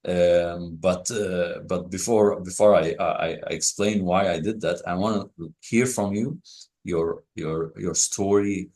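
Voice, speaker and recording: Egyptian guy hosting a podcast, really deep low voice, lots of stops and restarts. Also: steady tone, darkish tone. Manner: halting, with frequent pauses and restarts. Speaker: podcast host. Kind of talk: casual interview chat.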